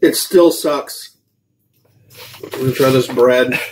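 A man's voice: medium pitch, takes it slowly, a little mellow. Guy whining n laughing thru hot pepper pain, casual chat, bit of hiss behind. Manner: dramatic, complaining, half-laughing. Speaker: co-host.

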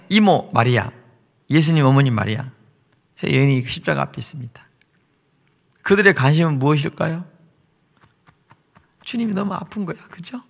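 A male pastor preaching a sermon, telling the story dramatically and acting out the quotes. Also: fairly high pitch. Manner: animated storytelling, acts out quotes. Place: church sanctuary. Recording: long reverb in a large church hall.

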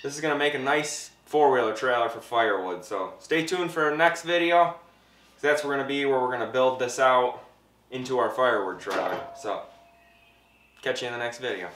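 A man's voice: medium pitch, moderate pace, fairly bright tone. A man in his thirties casually explaining a trailer assembly step by step in his home garage workshop. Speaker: vlogger. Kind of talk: casual how-to narration. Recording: noisy garage recording.

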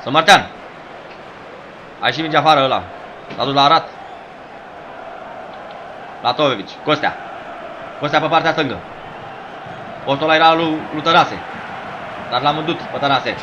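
A man commentating his own football video game match, yelling at his players and teasing them, hoarse from shouting. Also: on the high side, long pauses, muffled recording, some chatter behind, slight background noise. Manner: yells at his players, rhymes and teases. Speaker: gameplay commentator.

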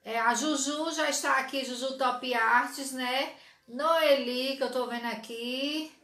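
In her forties, a woman runs a live sewing stream from a small indoor craft studio lined with shelves of dolls. Her high voice stays fairly even and slow, a bit bright, with reverb from the room. She chats through the tutorial, greets viewers by name, and often tacks on "certo?"

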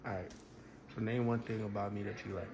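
A man vlogger in casual chat, talking in a slangy, low-key way. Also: flat delivery, brisk. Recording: roomy echo with loud background noise.

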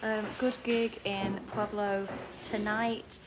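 A woman's voice: mid-range voice, flat delivery, slow pace, very noisy. A woman musician chatting casually to camera in a tour vlog, upbeat and talking straight to her viewers. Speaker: touring musician vlogging.

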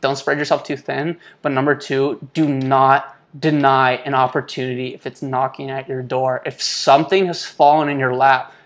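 A YouTuber, mentor and online entrepreneur in his twenties, born in Israel, gives casual motivational talk to camera from a small home office, miked with a lapel mic. His medium-pitched voice is flat, at normal speed with hardly any pauses. He's informal and slangy, frequently calling his audience "guys."

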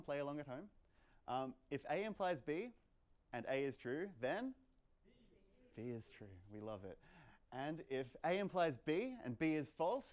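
This is a young adult man with a fairly high, darkish voice, giving an informal live lecture with audience questions to a meetup. He keeps it playful and conversational, with plenty of "like" and "kind of," in a medium-sized indoor lecture room.

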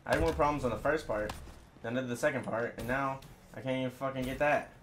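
A young man cursing his way through gameplay commentary, frustrated and bursting into loud yells. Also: mid-range voice, fairly even intonation, fast, a little hiss or hum. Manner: swearing, frustrated, bursts into yelling. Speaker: gamer.

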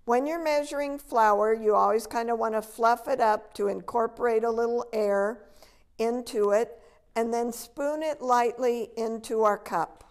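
Older woman, unhurried delivery, slightly high voice, patient cooking instruction, roomy demo kitchen. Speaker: extension educator. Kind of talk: cooking demonstration. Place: large indoor demo kitchen.

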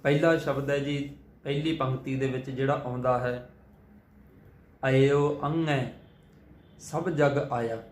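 A man who chants scripture and then teaches how to pronounce hard words. He spells out letters and vowel signs slowly and carefully. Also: mid-range voice, fairly even intonation. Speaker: Sikh scripture reader and teacher. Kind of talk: chanted scripture recitation, then pronunciation lesson. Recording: echoey room with faint ambient noise.

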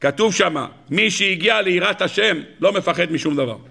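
A middle-aged rabbi teaches a Torah lesson in a high, bright voice. Gravelly fry runs through his speech. He tells stories with animation and keeps turning to his listeners with rhetorical questions.

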